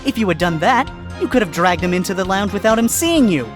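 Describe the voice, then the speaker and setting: A man with a high, sing-song voice speaks fairly quickly, playing a sly, smug fox who works as a defense lawyer. He delivers dry, sarcastic quips in a self-satisfied mood, with music playing beneath his voice.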